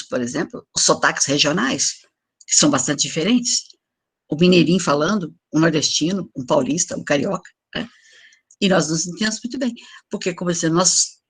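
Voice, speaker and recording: A woman's voice: deep voice, fairly bright tone, husky. An older woman giving an online lecture to teachers, explaining examples and asking for the next slide. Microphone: video call.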